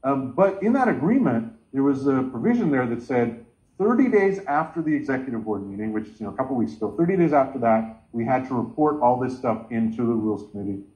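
A man's voice: mid-range voice, very animated, fast, darkish tone. A man in his forties chairing an online meeting from a home room, talking earnestly and gesturing with his hands. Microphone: video call. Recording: dull lo-fi sound from a laptop.

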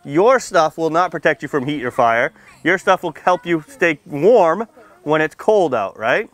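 A man with a voice on the high side, expressive and a little slow, talks to kids as a firefighter about safety. Under a tent canopy next to a building, he keeps his small seated audience engaged with simple words, playful teasing, lots of questions, and repeated "okay" and "right."

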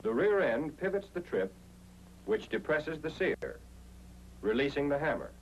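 Over a humming, noisy 1940s-style film soundtrack with lo-fi quality, an American man narrates military training. His voice is a little high and very animated, and he explains each step methodically at a measured pace.

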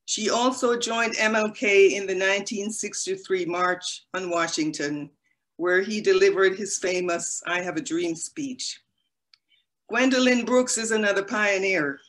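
An older woman preaches a prepared sermon over a webcam from her home office. Her voice is bright, neither high nor low, and she reads in a measured, earnest way, pausing deliberately between phrases. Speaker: lay preacher. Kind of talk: read sermon. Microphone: laptop webcam video call.

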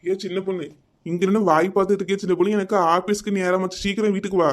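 A man's voice: high-pitched, flat delivery, rapid-fire, lightly acted. A man voicing a scolding, complaining middle-aged village husband in a cartoon comedy, with a Kanyakumari Tamil accent.

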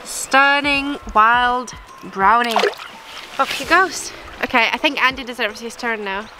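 A woman's voice: fairly high pitch, measured pace, background noise. Chatty woman fishing on a river. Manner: chatty, self-mocking, excitable when hooking fish. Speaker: fly fishing vlogger. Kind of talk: casual chat while fishing. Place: outdoors on a riverbank. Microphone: camera mic, sometimes far. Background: music.

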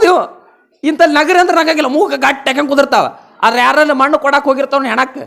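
A man's voice: very high voice, creaky, a bit bright. An older man with a North Karnataka Kannada accent giving a folksy sermon at a festival gathering, often asking his listeners questions. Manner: folksy, asks the audience questions. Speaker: pravachan preacher.

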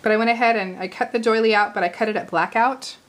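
A woman in her thirties hosting a casual crafting tutorial, chatty and a little hoarse, with apologetic asides while she works at arm's length from the camera. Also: a little high, steady tone, quick pace, poor audio. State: slightly hoarse, losing her voice. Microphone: camera at arm's length over the craft table.

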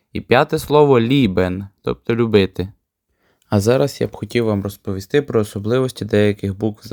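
A man teaching a language lesson on video, explaining calmly and patiently. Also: on the low side, dry recording, studio quality.

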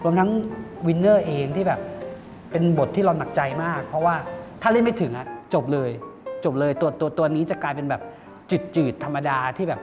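A man who directs a series, chatting in an interview and telling lively behind-the-scenes stories. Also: on the high side, brisk. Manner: animated storytelling, acts out quotes. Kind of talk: casual interview chat. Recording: reverberant studio with background music.

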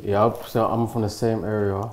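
A man's voice: on the low side, little pitch movement, fairly quick, darkish tone. A young man answers in an easygoing, joking way during a casual podcast interview. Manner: easygoing, laughs things off. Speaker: fitness coach.

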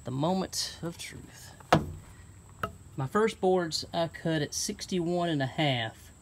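Heavy background noise surrounds a folksy Southern American man with a fairly high voice who takes his time thinking aloud. The truck camping vlogger chats casually about DIY to camera, holding his phone at arm's length outdoors and in a truck bed by an open garage.

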